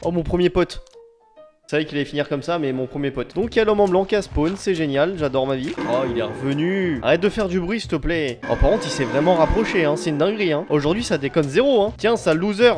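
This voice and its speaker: Man, gaming video host, rapid excited commentary, slangy, jumpy, yelps at scares. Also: a little high. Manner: jumpy, shouts and laughs at scares; slangy and talks straight to viewers. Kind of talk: excited let's-play commentary.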